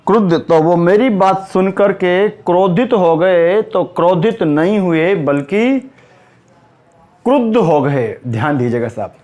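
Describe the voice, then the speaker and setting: Slow, emphatic high-voiced male teacher. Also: animated, darkish tone. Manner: emphatic, repeats correct word forms slowly; addresses students directly, asks and answers himself. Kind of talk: spoken Hindi grammar lesson.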